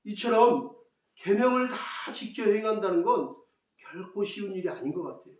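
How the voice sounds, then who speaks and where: A man's voice: high voice, expressive, moderate pace. A male pastor preaching a sermon, putting rhetorical questions to the congregation and repeating key phrases for emphasis. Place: church. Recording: echoey church hall, mic at a distance.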